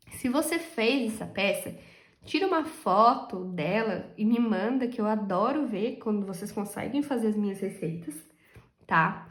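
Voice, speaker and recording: A woman's voice: medium pitch, roomy sound. A woman giving a chatty, casual crochet tutorial, her voice stuffy and nasal from a cold, often checking in with her viewers as she works. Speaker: crochet instructor.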